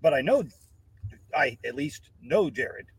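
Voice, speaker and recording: Husky man co-hosting a podcast. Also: mid-range voice, expressive, takes it slowly, no room sound, rough recording. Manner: supportive listener, short agreeing replies. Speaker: podcast co-host. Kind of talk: casual podcast discussion.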